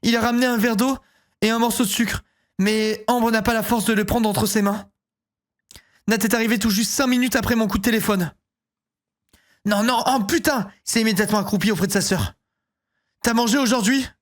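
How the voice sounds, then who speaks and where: Expressive woman streamer voicing a visual novel. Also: fairly high pitch, fast. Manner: voices characters with mock accents, breaks into swearing and laughter. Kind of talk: reading a visual novel aloud with live reactions.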